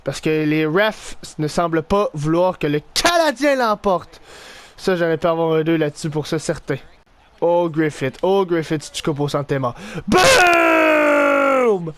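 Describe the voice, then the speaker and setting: A young man with a Québécois French accent calls his hockey video game as he plays it. He talks in a high register and veers between frustrated groans and excited outbursts. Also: normal speed. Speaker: gaming YouTuber. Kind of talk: live gameplay commentary.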